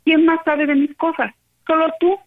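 A high-pitched woman with a Mexican Spanish accent, clearly upset, races through an animated retelling of a quarrel and voices both sides of it. She comes through a narrow, tinny phone line. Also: moderate pace. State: upset, agitated. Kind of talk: casual phone chat, retelling an argument.

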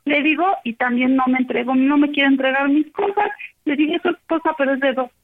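High-voiced Mexican woman on a tinny phone line. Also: fairly quick. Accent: Mexican Spanish. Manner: animated storyteller, quotes both sides. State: upset, agitated. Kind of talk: casual phone chat, retelling an argument.

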